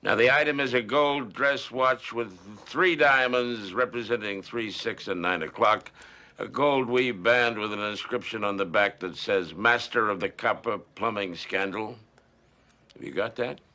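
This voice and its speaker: An actor playing a veteran district attorney, a gruff older man who snaps with exasperation and gives curt orders. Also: lowish voice, unhurried, bright, forceful tone. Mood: commanding.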